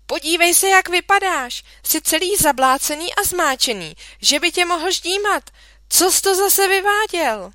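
A woman voicing a shrill, exasperated mother in a children's story, scolding in high, loud outbursts. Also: animated, no room sound, studio quality, full character voice. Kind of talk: storybook reading.

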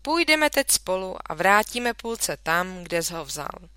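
A kind, patient storybook father, read by a woman, talks softly and reasonably. The voice stays bright and clear, and the recording is close and dry. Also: on the low side, very animated, no echo. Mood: gentle. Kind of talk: storybook reading.

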